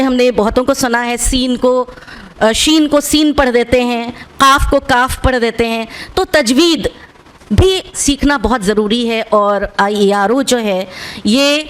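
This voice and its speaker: Guest speaker: woman, slightly high pitch, earnest exhorting speech to children and parents in a school auditorium. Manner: earnest and exhorting, often tags "right?" and mixes in English words.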